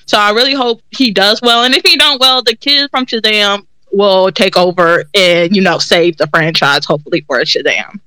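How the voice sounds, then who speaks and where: A woman's voice: mid-range voice, normal speed, hardly any pauses, sharp tone, no echo. A woman in a casual group chat, eager and fond of "like" and "um" as she talks. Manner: eager, heavy use of "like" and "um".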